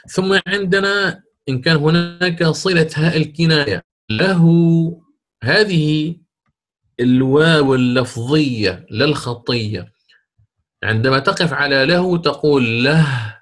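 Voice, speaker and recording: A man teaching a lesson on Quran recitation rules, explaining step by step and stretching out example words slowly. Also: a little high, a bit bright. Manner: slow, drawn-out example words, repeats for emphasis.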